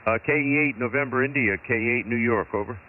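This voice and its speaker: A man operating an amateur radio, calling CQ and giving his call sign in a slow, drawn-out way between fillers. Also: mid-range voice. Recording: tinny radio band with faint hiss.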